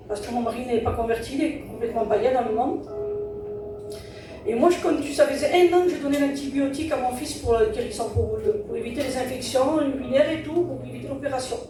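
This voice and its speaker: Woman, church testimony, earnest repetitive retelling, far from the mic, heavy hall echo. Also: high-pitched. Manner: earnest retelling, constantly repeating "I said" and "he said". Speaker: church member giving testimony. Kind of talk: spoken testimony at a church service. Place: church hall during a service. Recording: very echoey hall, distant mic, music behind.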